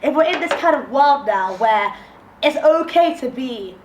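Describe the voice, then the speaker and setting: A woman's voice: high voice, animated, a little slow, darkish tone, dull audio, a little hiss or hum. A woman leading a casual group discussion, raising questions and thinking aloud. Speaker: discussion moderator. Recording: roomy echo.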